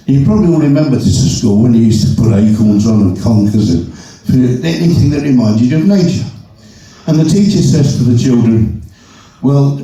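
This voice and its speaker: A man's voice: mid-range voice, warm tone. A man telling jokes to a live audience, rambling with stumbling restarts and chuckling at his own punchlines, heard from far off in a large echoey hall. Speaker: joke teller.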